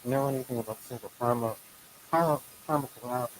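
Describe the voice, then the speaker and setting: Muffled male interview host over clear hiss. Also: medium pitch, quick pace. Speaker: show host interviewing a guest. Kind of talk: casual interview chat.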